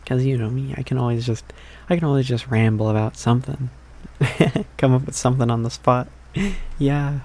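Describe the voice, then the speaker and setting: A young man playing an affectionate, playful, slightly needy boyfriend in a soft, hesitant, rambling ASMR ASMR role-play. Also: mid-range voice, creaky, slight background noise. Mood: affectionate, teasing. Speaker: ASMR performer.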